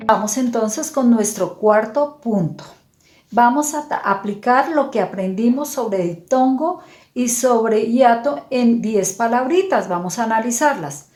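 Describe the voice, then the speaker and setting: Profesora de habla pausada y clara. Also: female voice, fairly high pitch, expressive, a little mellow, reverberant, faint music behind. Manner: patient, syllable-by-syllable enunciation. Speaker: teacher. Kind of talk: slow, clear classroom explanation.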